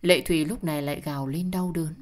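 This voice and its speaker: Low-voiced woman narrating a story. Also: steady tone, fast talker. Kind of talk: audiobook narration.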